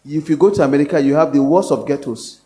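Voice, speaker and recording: A man's voice: on the high side, fast, warm tone. A man from Nigeria, a professor speaking at a public forum, earnest and hesitant, with fillers and restarts. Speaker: professor, panel guest.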